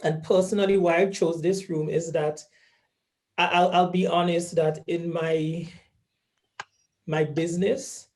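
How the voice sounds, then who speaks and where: A man's voice: on the high side, level tone, a little mellow. A man, introducing himself earnestly on a video call and often restarting his sentences. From Saint Vincent and the Grenadines. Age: 40s. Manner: earnest and measured, with frequent restarts. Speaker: workshop participant. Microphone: video call microphone.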